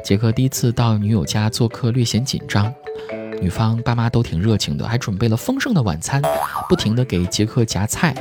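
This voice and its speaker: A male comedy host tells stories in a playful, scripted style. His pitch swings about with a lively, animated bounce. Clear background music runs under his voice. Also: fairly quick. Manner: playful, animated joke-telling. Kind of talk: scripted comic storytelling. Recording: music bed behind voice.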